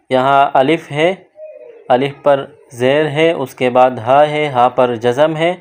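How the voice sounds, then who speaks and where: A man teaching children to read the Quran, explaining each letter patiently and drawing syllables out slowly in recitation. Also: on the high side, clear, resonant tone. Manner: slow, drawn-out syllable-by-syllable recitation between explanations. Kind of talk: step-by-step recitation lesson for kids.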